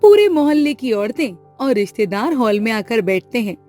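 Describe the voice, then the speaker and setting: A woman narrating an animated family story in a steady, plain storytelling way. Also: a little high, normal speed, soft background music.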